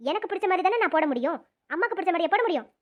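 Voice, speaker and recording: A woman's voice: very high-pitched, animated, very fast, muffled recording. A woman voicing a stubborn young woman in a cartoon, firm and pleading by turns. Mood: flustered. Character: defiant young woman, stubborn about marriage. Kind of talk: cartoon voice acting.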